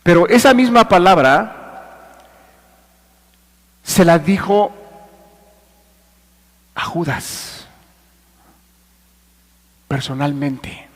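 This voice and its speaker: High-voiced preacher in an echoing church. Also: male voice, expressive, extremely slow, long pauses. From Mexico. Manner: swings between hushed and forceful preaching, addresses listeners directly. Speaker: pastor. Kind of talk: sermon.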